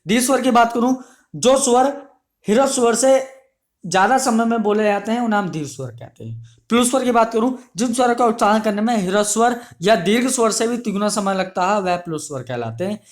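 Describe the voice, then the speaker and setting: A man with a high voice and lively intonation teaches grammar to exam candidates, calling them his dear children. He's repetitive, drilling each definition slowly and answering the questions he asks.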